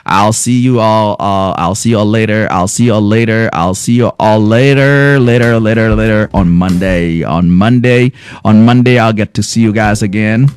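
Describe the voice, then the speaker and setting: Low-voiced French-accented man thanking viewers. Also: moderate pace, smooth. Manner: effusive, repeats his thanks over and over. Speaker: health educator hosting a live show. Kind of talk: live-stream sign-off. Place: clinic.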